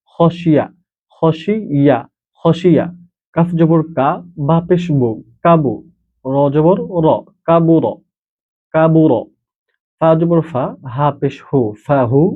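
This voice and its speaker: A man teaching Quran reading, patiently spelling out each letter and vowel mark and repeating every syllable. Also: a little high. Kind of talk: slow spelling-out lesson. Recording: tinny phone-like sound.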